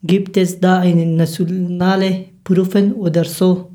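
Woman, podcast host, scripted questions, low voice, flat delivery. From Afghanistan. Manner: careful, measured learner's German. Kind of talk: scripted interview, read questions.

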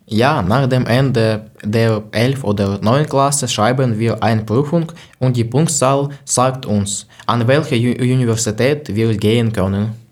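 Man, halting. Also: mid-range voice. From Ukraine. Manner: halting, with restarts. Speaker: interview guest. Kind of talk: scripted answers.

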